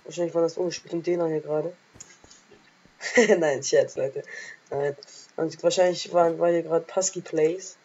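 A woman casually commentating her own game as a let's play gamer, trash-talking excitably, with a sore throat and frequent coughs. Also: low voice, normal speed, pauses often, slightly rough, muffled recording.

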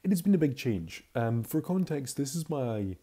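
With big swings in his medium pitch and a dark tone, the twenty-year-old Scot delivers his casual, chatty and candid video commentary at normal speed, speaking in a Scottish accent.

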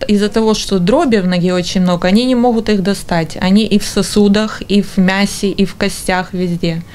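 A woman in her forties giving an informal interview account in halting, broken phrases. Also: mid-range voice, steady tone, darkish tone, a little hiss or hum. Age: 40s. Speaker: injured interviewee. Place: small indoor kitchen. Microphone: handheld or stand TV microphone before her.

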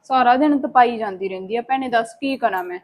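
Woman cast as a bitter, gossiping daughter-in-law, high voice, steady complaining. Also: a little fast, natural voice. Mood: fed-up. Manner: complaining, mimics others' voices in quotes. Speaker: daughter-in-law complaining about her mother-in-law. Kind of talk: short-film dialogue.

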